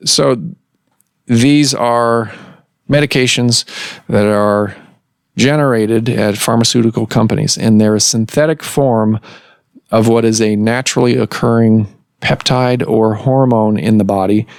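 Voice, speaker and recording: A man hosting a medical podcast, explaining things in a measured way with pauses and restarts. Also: medium pitch, fairly even intonation, creaky, no echo, clean studio sound. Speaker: podcast host and surgeon. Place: office recording room.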